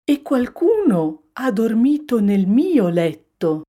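A woman's voice: fairly high pitch, very animated, slow, warm tone, pitched above the performer's own voice, exaggerated voice. A woman voicing a motherly mama bear who grumbles indignantly in a storybook reading.

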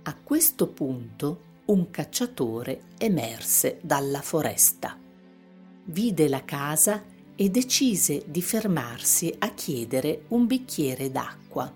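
A woman narrating a fairy tale with a low voice and an unhurried pace. Her reading is calm and measured, and faint music plays behind her. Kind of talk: storybook reading.

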